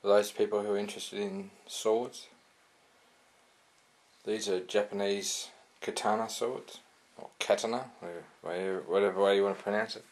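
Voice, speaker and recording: A man's voice: fairly low pitch, level tone, normal speed, long pauses, a little mellow. A man giving a casual, rambling product review with many fillers and restarts. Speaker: sword reviewer.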